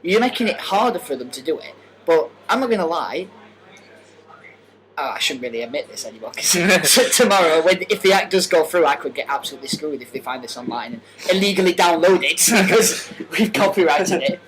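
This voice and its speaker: A man's voice: fairly high pitch, lively intonation, brisk, crowd noise. A man co-hosting a casual podcast, rambling and laughing through his points with plenty of fillers. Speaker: podcast co-host. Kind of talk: casual chat. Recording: noisy amateur podcast recording.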